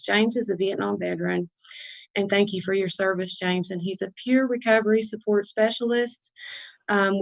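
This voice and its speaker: Virginia woman introducing guests, gravelly, kinda earnest, trips over words, dull dry mic. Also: medium pitch, no room sound. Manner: warm, earnest introductions with stumbles. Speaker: town hall moderator and candidate. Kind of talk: introducing speakers at a virtual town hall.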